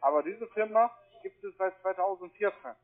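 Over a tinny, band-limited phone line, a call center agent with a foreign accent and a high-sitting voice pushes trading courses. His first language isn't German, and his persuasive sales pitch is insistent, repetitive and halting.

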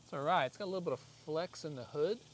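A slightly high-voiced American man in his forties talks quickly through a hands-on product installation for a casual how-to vlog, rambling and joking at his own expense. The camera or phone mic sits arm's length to a few feet away as he works outdoors in a driveway and in a parked car. The recording is noisy, with clear ambient noise.

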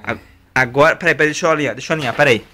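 Higher-pitched young Brazilian man, urging and repetitive. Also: racing. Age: young adult. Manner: urging, repetitive exclamations, swearing. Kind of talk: casual chat while moving furniture. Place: small laundry room by an outdoor entrance. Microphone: handheld camera or phone. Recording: noisy handheld amateur video with clicks.

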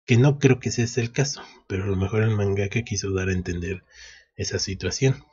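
A man's voice: on the low side, brisk, a little mellow, slightly rough, lo-fi sound. A man recapping a manga chapter in a casual way, reading the lines aloud with frequent restarts. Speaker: anime recap host. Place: at home.

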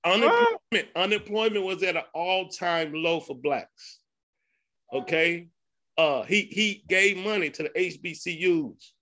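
Man, podcast host, casual conversation, laughing, bright forceful tone. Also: sits high, sing-song, unhurried. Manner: loose, laughing, repeats 'man'.

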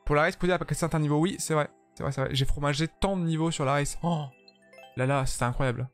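A man's voice: on the high side, fairly even intonation, quick pace, soft background music. A tired man chatting casually with his viewers while streaming a game, joking and swearing freely. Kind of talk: casual live-stream commentary while playing.

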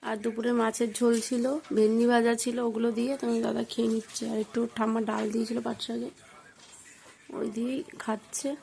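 A woman's voice: flat delivery, brisk, vocal fry, a little mellow. A young woman, talking through a casual home vlog while feverish and worn out, in a tired, subdued way. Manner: tired, low-key and subdued. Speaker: vlogger. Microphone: phone camera. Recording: noisy home phone recording.

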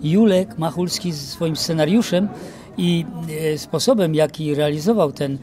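Reminiscing older man, outdoors. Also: fairly high pitch. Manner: reminiscing, lively with many pauses and fillers. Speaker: actor interviewee. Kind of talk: casual interview. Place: outdoor garden courtyard. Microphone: handheld mic held by interviewer.

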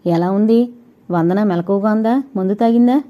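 A woman's voice: mid-range voice, moderate pace, dull audio, lightly acted. A woman reading the part of a guarded, teasing man in an audiobook, curt in manner. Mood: concerned.

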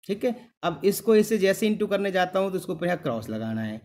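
Lively-voiced maths teacher, man. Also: sits high, brisk. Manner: calls the students "beta", keeps asking "clear?"; patient, repeats each step. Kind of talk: classroom lesson.

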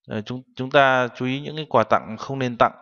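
A man's voice: medium pitch, steady tone, normal speed, bright, forceful tone. A man teaching a language lesson, patiently explaining and translating each term word by word. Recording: dull recording with long reverb.

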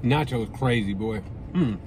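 Man, casual vlog host, chewing while talking, excited, slangy, repeats himself, faint background noise. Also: mid-range voice, a little slow. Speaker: food review host. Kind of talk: casual food review vlog.

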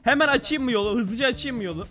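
A young man hosting a casual gaming video, excitable, often laughing and exclaiming in surprise. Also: very high voice, fast, soft background music. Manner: excitable, laughs a lot, frequent startled exclamations.

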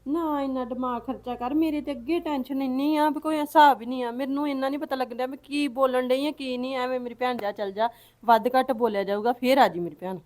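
A woman's voice: sits high, steady tone, brisk, a little mellow, lightly acted. A woman playing an anxious, tearful mother. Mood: defensive. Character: worried middle-aged Punjabi mother, woman. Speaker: elder sister-in-law, troubled mother. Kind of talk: web series drama acting.

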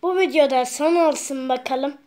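A woman's voice: high voice, normal speed, mellow. A woman filming a casual home video, talking to viewers and cooing at her pet bird. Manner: keeps addressing viewers as friends, coos at the bird. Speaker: vlogger showing a pet parrot. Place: at home indoors.

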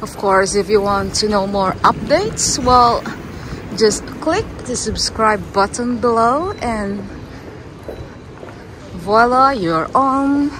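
Woman vlogger, unhurried and halting, walking-tour narration, recorded outside with clear street noise. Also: a little high, expressive. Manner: hesitant, many filler pauses. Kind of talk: casual narration while walking. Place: outdoors on busy city streets.

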